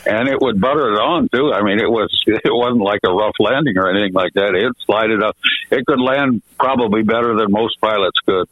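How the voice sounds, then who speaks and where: A man's voice: on the low side, a little fast, fairly bright tone, no room sound. An older man being interviewed on the radio, talking in a folksy, rambling way and repeating himself. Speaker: interview guest, retired airline pilot. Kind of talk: conversational radio phone interview. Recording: thin telephone line sound.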